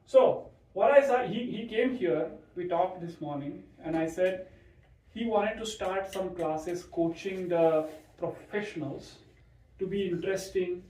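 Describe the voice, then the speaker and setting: Male host for a kids' session, higher voice, restless restarts, distant echoey room. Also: unhurried. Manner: animated, many restarts and checks like right?. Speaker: host introducing a guest to kids. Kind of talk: casual talk to children. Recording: echoey room, far from mic.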